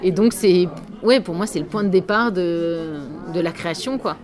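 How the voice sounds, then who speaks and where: A woman's voice: on the low side, normal speed, a little mellow. A French woman artist talking about her work in a casual conversation, hesitant, with many fillers. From France. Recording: crowd chatter behind.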